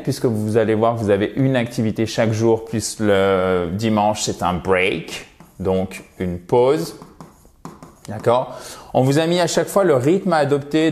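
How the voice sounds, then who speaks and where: A man's voice: mid-range voice, darkish tone. A man giving a casual video lesson on English pronunciation, explaining step by step and checking in with "ok?" as he goes. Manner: chatty, explains step by step with frequent "ok?" and "d'accord?"; models English sounds by repeating them. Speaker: English teacher.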